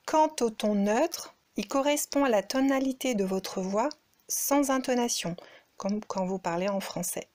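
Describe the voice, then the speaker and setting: A woman teaches in a slow, careful way. Her voice sits fairly high, and she speaks each sentence at an unhurried, explanatory pace. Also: darkish tone, no room sound. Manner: slow, explanatory, sings out example syllables. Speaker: Chinese language teacher. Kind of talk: spoken lesson demonstrating tones.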